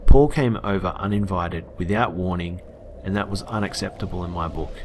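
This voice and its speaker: Man narrating a horror story, low and blunt. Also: normal speed, a little mellow, slight background noise. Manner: casual, blunt, occasional swearing.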